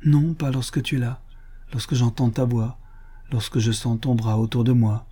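A man reading aloud voices an anguished young woman who pleads in a trembling, breathy hush. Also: mid-range voice, steady tone, moderate pace, natural voice. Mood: pleading anguish. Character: anguished young woman bride, fearful and torn.

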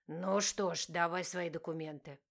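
A woman voicing a curt, commanding young husband in an audiobook, with a gruff, clipped delivery. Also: fairly low pitch, steady tone, moderate pace. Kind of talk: audiobook narration.

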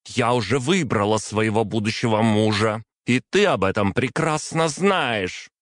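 A man's voice: lively intonation, measured pace, fairly bright tone, dry recording, clean studio sound. A man voicing a fiery, defiant young princess who keeps raising her voice in scornful outbursts. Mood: furious. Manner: raised, shrill, scornful outbursts.

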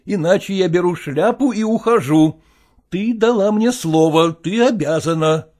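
A man's voice: fairly high pitch, very animated, moderate pace, a little mellow, husky, pitched above the performer's own voice. A man voicing an irritable, harassed middle-aged husband and father, talking in an exasperated, firm and pleading way.

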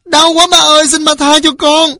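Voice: mid-range voice, steady tone, extremely slow, creaky, fairly bright tone, no room sound, clean studio sound, voice pushed up, exaggerated voice. A narrator voicing a terrified little boy who stammers and cries out. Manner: stuttering, crying out.

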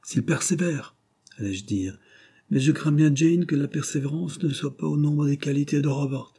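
A thoughtful middle-aged husband, read by a male narrator, measured and hesitant. The voice is dark and mellow, with a husky grain. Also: on the high side, pitched above the performer's own voice.

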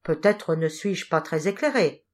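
A stern, pious old knight lectures with slow solemnity in a low voice, as a woman reads him in an audiobook. His tone is moralizing and grave. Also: expressive.

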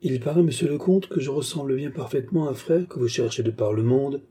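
Guy reading as a smooth english baronet, cool and polite, dark husky voice. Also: medium pitch, fast talker, pitched above the performer's own voice, lightly acted. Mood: suave. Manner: polished, formal and courteous. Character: courteous English baronet, phlegmatic gentleman duelist.

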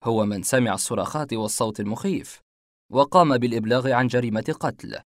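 A man playing a self-assured police detective in a spoken mystery, pressing his questions with slow, pointed calm. His mid-pitched voice is close and dry. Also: no echo, natural voice. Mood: probing. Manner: measured, confident.

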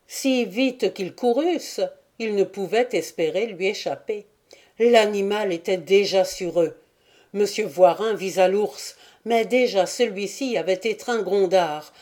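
A woman narrating an adventure novel as an audiobook, reading in a steady, deliberate way. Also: mid-range voice. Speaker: audiobook reader. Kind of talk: scripted narration.

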